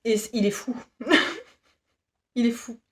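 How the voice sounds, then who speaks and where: Casting: upbeat woman vlogger in her thirties, giggly and gushing, a little higher voice. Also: little pitch movement, measured pace, mellow. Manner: giggly, self-deprecating, gushing. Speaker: YouTuber presenting her shop. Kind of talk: casual chatty vlog.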